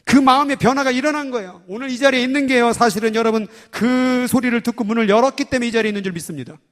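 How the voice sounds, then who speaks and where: A man preaching a sermon as pastor, animated and acting out little prayers and voices. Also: very high voice, rapid-fire, long reverb tail.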